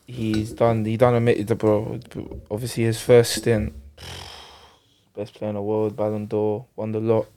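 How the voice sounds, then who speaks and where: A man's voice: fairly low pitch, warm tone. A man with an urban London roadman accent in a casual football debate, repeating and restarting his points with street slang. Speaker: football show panellist.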